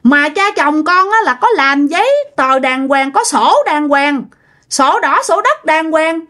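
A woman's voice: sits high, animated, unhurried, bright, forceful tone, pitched above the performer's own voice, heavily acted. A woman storyteller voicing an indignant young village wife who pleads and protests over her land. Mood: upset.

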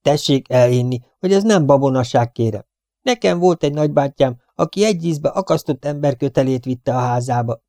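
A man voicing a stout, superstitious female cleaning woman who rambles on in a shrill, high put-on voice in an audiobook. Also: mellow, dry recording, studio quality, natural voice. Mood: chattering.

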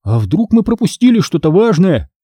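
A man's voice: sits high, big pitch swings, moderate pace, mellow, breathy edge, no echo, clean studio sound, pitched above the performer's own voice, heavily acted. A man doing a breathless startled young boy. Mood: alarmed. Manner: breathless, alarmed. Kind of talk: audiobook character voice.

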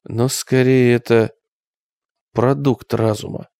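A man reading a haunted middle-aged survivor who speaks low and unhurried, his words drawn out and heavy as he sinks into brooding. The sound is close and dry, with no room around it. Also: fairly even intonation, creaky, clean tone, no room sound. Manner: quiet, brooding, slow. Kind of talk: audiobook character reading.

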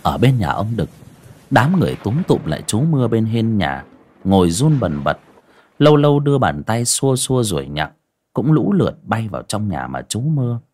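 A man, reading a village story as an expressive audiobook narrator. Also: fairly low pitch, normal speed, husky.

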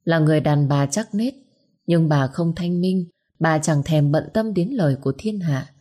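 A woman narrating a scripted story in a steady, measured reading. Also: low voice. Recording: faint music behind. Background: faint background music.

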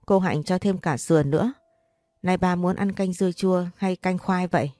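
A woman's voice: fairly low pitch, normal speed, warm tone, no room sound, soft background music, natural voice. A woman reading as a terrified young girl. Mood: chatty. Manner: sobbing pleas. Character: frightened 13-year-old poor girl.

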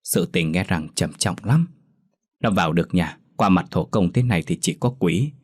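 A man's voice: low voice, moderate pace, slightly rough. A man voicing an older village scholar in a ghost story, speaking solemnly and giving urgent warnings. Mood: grave. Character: grave older male village scholar, cautious.

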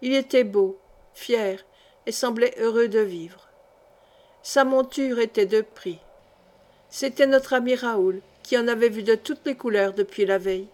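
A woman narrating a historical novel as an audiobook reader, in a measured, even way. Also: on the high side.

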